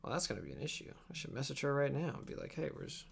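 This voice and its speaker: Talking fast with huge pitch swings, a young adult livestreamer mumbles and thinks aloud, distracted, as he edits an abridged anime dub. His medium-pitched voice is gravelly. The indoor home computer setup adds faint keyboard and room noise.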